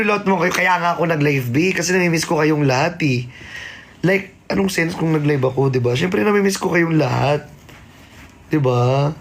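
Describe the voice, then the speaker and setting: High-pitched playful male livestreamer. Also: gravelly. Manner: playful, teasing, greets and thanks viewers by name. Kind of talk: casual live-stream chat.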